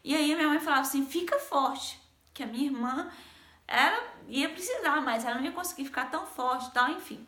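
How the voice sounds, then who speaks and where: A woman's voice: high-pitched, fast talker, pushed and bright, reverberant. A woman with a Brazilian Portuguese accent sharing a devotional message and personal stories in a chatty way, talking straight to her viewers. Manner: chatty, keeps addressing viewers directly. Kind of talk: devotional vlog with personal storytelling.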